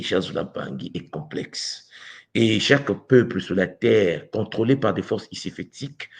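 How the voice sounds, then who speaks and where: A man from Congo, a guest speaker giving a measured spiritual teaching talk, often addressing the host by name. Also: fairly low pitch, vocal fry, breathy edge.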